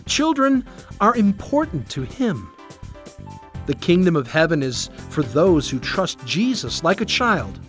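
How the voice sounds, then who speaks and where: A man narrating a children's story and then speaking directly to young listeners, with an animated storybook delivery. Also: a little high. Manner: animated, warm storybook reading. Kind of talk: scripted narration for kids.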